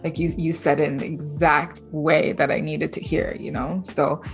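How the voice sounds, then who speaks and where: A low-voiced young woman from Bangladesh talks thoughtfully about her art and writing in a relaxed interview. She speaks softly, with fillers and light laughs. Faint music plays in the background. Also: moderate pace. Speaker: artist and writer, interview guest. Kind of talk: casual interview conversation.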